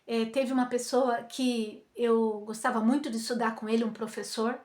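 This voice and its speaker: A middle-aged woman from Brazil, animated and emotional, telling a personal story in a vlog. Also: fairly high pitch, moderate pace. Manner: animated, emotional, lots of tag questions. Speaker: vlogger. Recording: echoey room.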